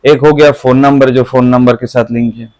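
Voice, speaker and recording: A man in his thirties coaches exam candidates in casual Hindi laced with English phrases, going over each point twice. His voice sits at an ordinary middle pitch. It is recorded close and dry, with no room sound. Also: flat delivery, fairly quick, a little mellow, no echo, rough recording. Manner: explanatory, mixes English into Hindi, repeats points.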